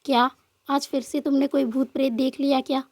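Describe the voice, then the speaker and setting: A woman voicing a calm young male officer who soothes and gently teases in a storybook love tale. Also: high voice, a little fast, no room sound, lightly acted. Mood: soothing. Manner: soft, reassuring, lightly joking. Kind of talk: storybook narration with voiced dialogue.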